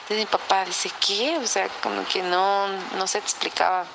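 A woman with a Mexican accent telling a personal story in a relaxed, chatty way, with lots of fillers. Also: mid-range voice, normal speed, creaky, noisy background. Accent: Mexican Spanish. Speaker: podcast co-host telling a story. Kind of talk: casual storytelling.

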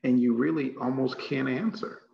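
Male motivational trainer, Texas accent, heavy vocal fry, emphatic and folksy delivery, muffled recording. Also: medium pitch, fairly even intonation, moderate pace. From Texas, United States. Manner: emphatic, folksy, repeats phrases for effect, rhetorical questions. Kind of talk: motivational leadership training talk. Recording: muffled, echoey room recording.

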